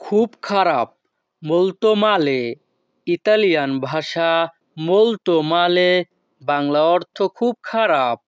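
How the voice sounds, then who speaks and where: A man teaching short phrases in a slow lesson, repeating each one syllable by syllable. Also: on the high side, lively intonation, clear, resonant tone, no echo, dull audio. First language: Bengali. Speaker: language teacher.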